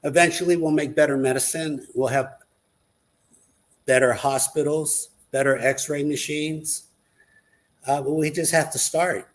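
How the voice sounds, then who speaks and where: A man's voice: a little high, steady tone, measured pace, long pauses. A man speaking earnestly as a guest on a live online talk show, in casual conversation.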